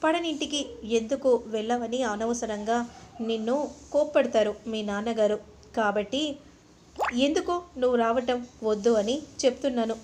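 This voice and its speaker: A woman's voice: a little high, normal speed, noisy background, lightly acted. Stern middle-aged mother, firm and dismissive, voiced by a woman narrator.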